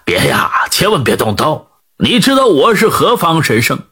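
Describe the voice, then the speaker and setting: A man's voice: on the high side, big pitch swings, normal speed, a bit bright, slightly rough, exaggerated voice. A man voicing a boastful old male sea turtle who speaks in a smug, self-important drawl. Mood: pleading.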